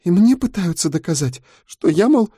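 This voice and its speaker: A man's voice: high voice, sing-song, moderate pace, mellow, husky, no room sound, studio quality, pitched above the performer's own voice, heavily acted. A man voicing a frightened young female schoolteacher who speaks tearfully. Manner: tearful, pleading.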